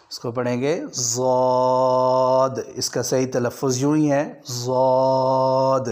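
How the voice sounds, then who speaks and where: A man from Pakistan teaching beginners Quran letter pronunciation in an online lesson. He draws out each letter slowly as a model, then explains at a brisk pace. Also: mid-range voice, darkish tone.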